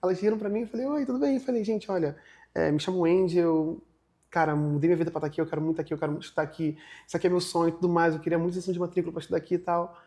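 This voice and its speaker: A man's voice: fairly high pitch, racing. A young man, telling a story in a casual interview and acting out the other people in it. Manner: animated, acts out other people's lines in his retelling. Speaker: guest.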